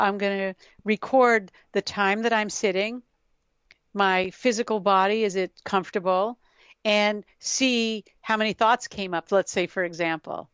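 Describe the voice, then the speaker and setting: Middle-aged woman guest, smooth resonant voice, thoughtful explaining tone, slightly muffled dry recording. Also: mid-range voice, no room sound. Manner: reflective, explanatory, laughs easily. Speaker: yoga scientist guest. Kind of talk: conversational podcast interview. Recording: dull lo-fi dry sound.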